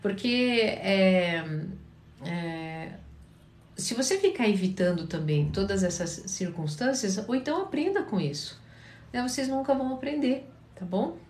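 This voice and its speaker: A woman from Paraná with a Curitiba accent, a therapist calmly answering viewers' questions in a live chat, sounding tired. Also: medium pitch, measured pace, echoey room. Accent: Curitiba Portuguese. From Paraná, Brazil. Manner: calm, advising, often checks in with listeners.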